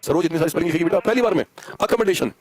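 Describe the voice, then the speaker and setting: A man's voice: a little high, very fast, a little mellow, no room sound. A young man with an Indian accent teaching a live online English class, coaxing students and spelling words out letter by letter.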